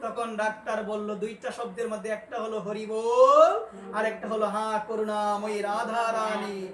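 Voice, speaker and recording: A man preaching a devotional sermon, questioning his listeners, addressing them as mother, and rising to loud, emphatic peaks. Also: sits high, fairly even intonation, a little slow. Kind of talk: devotional sermon with call-and-response. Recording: roomy, distant mic with faint noise.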